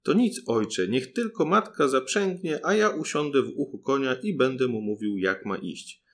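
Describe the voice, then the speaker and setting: A man's voice: medium pitch, normal speed, close to an everyday voice. Man doing cheeky thumb-sized boy Paluszek. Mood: eager. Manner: lively, calls out eagerly. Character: tiny clever peasant boy, cheerful and bold.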